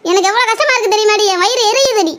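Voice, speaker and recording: A sharp, piercing older mother-in-law, voiced by a performer, who rattles off complaints at speed. She speaks, scolding everyone around her in a comedy skit. Her voice stays high and shrill throughout. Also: racing. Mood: furious.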